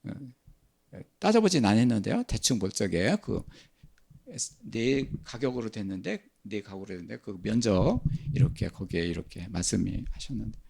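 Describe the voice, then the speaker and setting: Gravelly older man preaching animatedly. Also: fairly low pitch, normal speed. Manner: animated preaching, asks and answers his own questions. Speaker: pastor. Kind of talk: sermon.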